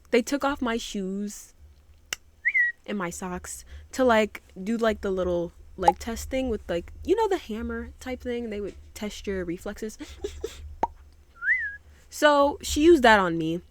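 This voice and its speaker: A woman's voice: on the high side, big pitch swings, slow pace, slight background noise. A young woman vlogging a casual storytime, often laughing at herself and breaking off mid-sentence. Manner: giggly, self-deprecating, interrupts herself.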